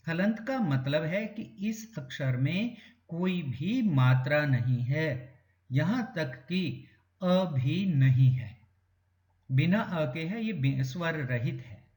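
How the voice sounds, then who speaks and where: A man teaching a beginners' lesson to schoolchildren, patiently explaining and repeating words slowly so they can follow. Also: on the high side, darkish tone, reverberant. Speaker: Sanskrit teacher. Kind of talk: classroom lesson explaining to children.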